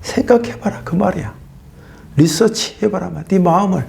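A male pastor preaching a sermon, swinging between loud emphatic bursts and hushed whispers. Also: sits high, normal speed, gravelly.

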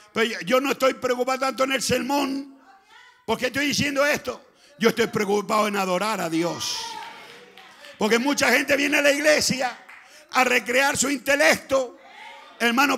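Chilean male pastor, fervent shouting preacher, gravelly, high and bright. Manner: fervent, often shouting, swings between loud and soft. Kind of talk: Pentecostal sermon. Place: church.

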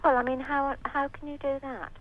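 A woman's voice: high-pitched, flat delivery, moderate pace. A woman talking politely on a telephone line, hedging her words with frequent "I mean". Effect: heard over a telephone line. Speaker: prank call target. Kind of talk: casual phone conversation.

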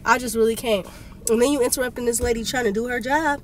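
Her fairly high voice moving fast with fairly even intonation, a sick young woman films a casual vlog rant on her phone from the dashboard of a parked car. Stuffed up, she animatedly recounts a story and vents, amid slight background noise.

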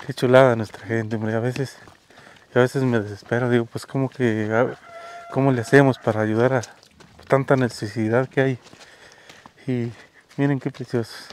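A man with a Mexican Spanish accent hosting an on-location vlog outdoors in a rural village, speaking in a folksy, warm way. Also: mid-range voice, fairly even intonation, normal speed, long pauses, slight background noise. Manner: warm, folksy, talks gently to children. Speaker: host.

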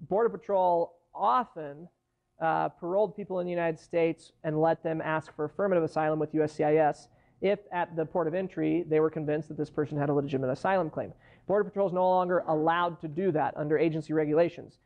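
Giving a guest lecture from a lectern in a university hall, a gravelly-voiced immigration lawyer with a fairly high pitch talks conversationally and explains through worked case examples. A far-off room camera captures it in dull, lo-fi sound.

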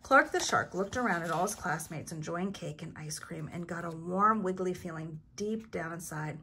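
A woman teacher reading a picture book aloud to children, animated and asking her listeners questions. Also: fairly low pitch, moderate pace, slight background noise.

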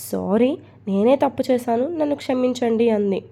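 A woman's voice: on the high side, normal speed, vocal fry, warm tone. A woman voicing a playful young wife who coaxes and teases her husband affectionately in a storybook reading. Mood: apologetic.

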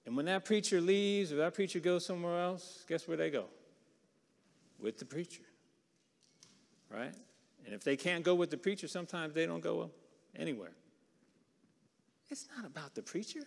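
A man with a fairly high voice preaching in an easy, conversational way, often checking in with his listeners. His voice carries a long reverb from a large church hall. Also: expressive, normal speed, gravelly, pauses often. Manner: keeps checking in with the listeners with "right?". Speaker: preacher teaching a Bible class. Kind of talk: conversational sermon. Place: church auditorium.

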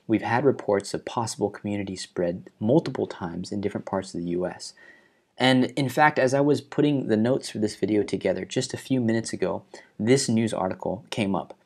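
With a lowish, slightly rough yet somewhat mellow voice, the young Hawaii-born host talks fairly quickly to his webcam from the living room. He's in his twenties and earnestly breaks down recent news, highlighting the key numbers.

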